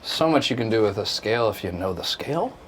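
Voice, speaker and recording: A man hosting a casual guitar show, explaining music theory in an excitable, joking, rambling way. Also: lowish voice, fast talker, slight background noise. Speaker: host. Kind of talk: casual chat and guitar lesson.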